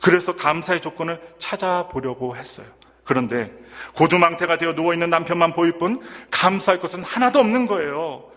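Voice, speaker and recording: A male pastor preaching a sermon, telling a story with animated emphasis and rhetorical questions to the congregation. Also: a little high, a little fast, long reverb tail. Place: church sanctuary.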